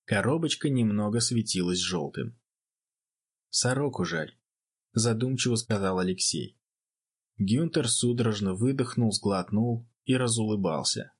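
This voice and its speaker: A man calmly narrating a story in an audiobook. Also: on the low side, normal speed, slightly rough.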